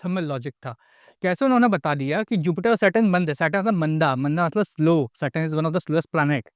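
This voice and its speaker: Animated Indian man lecturing, dry sound. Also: a little high, a little fast, no echo. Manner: animated, mixes English into his talk, rhetorical questions. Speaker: astrology teacher. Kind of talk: casual lecture.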